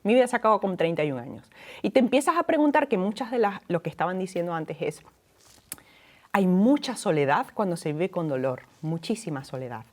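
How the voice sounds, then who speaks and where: A woman scientist on a talk show, recounting her own experience earnestly, her voice dropping soft and low. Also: very animated, fairly quick. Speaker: guest, scientist. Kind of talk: personal testimony in a talk show.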